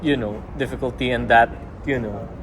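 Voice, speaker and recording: A man's voice: mid-range voice, steady tone, moderate pace, a crowd in the background. A male fan talking casually, earnest and hesitant with lots of ums. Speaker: fan at a meet and greet. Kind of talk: casual chat.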